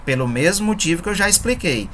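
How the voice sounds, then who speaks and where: A woman's voice: on the low side, lively intonation, fast, fairly bright tone. A woman teaching an online lesson on poetic scansion, explaining patiently and counting syllables aloud one by one. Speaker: poetry teacher.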